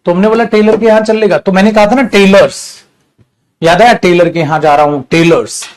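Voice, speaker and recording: A man's voice: high voice, steady tone, brisk. Earnest scolding Hindi-speaking teacher, man. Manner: scolding, earnest lecturing tone, calls students beta. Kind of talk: online English grammar class. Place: his own studio.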